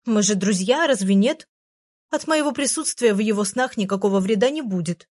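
A woman's voice: medium pitch, darkish tone, no room sound, clean studio sound, close to an everyday voice. A woman voicing a tiny, proud, easily offended female fairy in an audiobook, speaking pertly. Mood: defensive. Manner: pert and proud, quick to take offence. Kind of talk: audiobook character voice.

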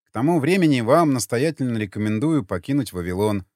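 A man reading the lines of a weary, bitter father in an audiobook, with an animated pitch and a dry close sound. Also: fairly quick, no room sound, close to an everyday voice. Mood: curt. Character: weary grieving father, a stern settlement man.

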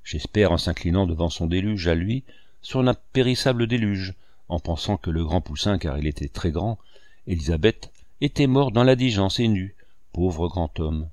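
Guy doing an aging painter in a storybook, wry and wistful, proud under it all, low voice, dry close sound. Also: normal speed, a little mellow, dry recording, lightly acted. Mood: wry musing. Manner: wry musing monologue addressed to a housekeeper.

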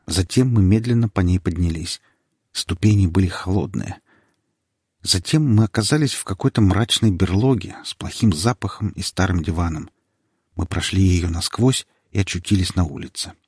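Husky low-voiced male audiobook reader. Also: no room sound, clean studio sound. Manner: steady, dramatic storytelling. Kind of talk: first-person audiobook narration.

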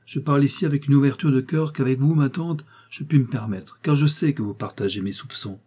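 A man reading aloud gives voice to a troubled young nephew who presses hard with questions. His tone is dark and husky, and he sounds grave and insistent, straight from a spoken storybook. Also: mid-range voice, a little fast, voice pushed up, close to an everyday voice. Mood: urgent.

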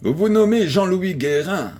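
Man doing a steady police commissioner in an audiobook, measured and calm, slow and husky. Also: sits high, voice pushed up. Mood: calm questioning. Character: calm, authoritative middle-aged police commissioner.

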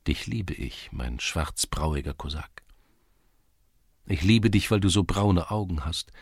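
A man voicing a shy, tender seventeen-year-old village girl in an audiobook, speaking softly and with longing. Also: deep voice, lively intonation, slow, husky, dry recording, clean studio sound, exaggerated voice. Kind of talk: audiobook character reading.

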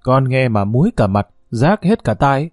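A man's voice: mid-range voice, very animated, normal speed, a little mellow, no room sound, clean studio sound, lightly acted. A man voicing an outspoken, heated young woman who complains bluntly in an audio story. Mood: indignant.

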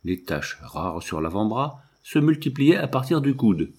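A man narrating a novel as an audiobook reading, in a measured literary way. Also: mid-range voice, sing-song, a little mellow, husky.

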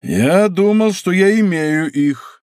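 A man's voice: on the high side, big pitch swings, normal speed, no room sound, clean studio sound. A man voicing a boastful, good-natured musketeer who talks grandly and plays melancholy.

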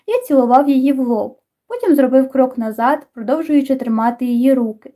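A woman narrates an audiobook in calm, even storytelling. Her voice sits high and sounds soft and mellow. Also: brisk. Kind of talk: scripted narration.

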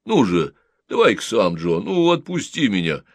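A man reading a flustered, gentle sergeant. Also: on the low side, huge pitch swings, no echo, pitched above the performer's own voice, full character voice. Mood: coaxing. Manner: soft, coaxing, unhurried.

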